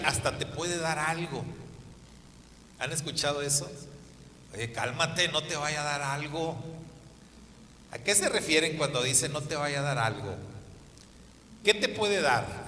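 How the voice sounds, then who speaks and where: A man's voice: on the high side, expressive, moderate pace, sharp tone, a little hiss or hum. A man preaching a sermon, emphatic and asking the congregation rhetorical questions. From Mexico. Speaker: pastor. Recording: echoey hall with long reverb.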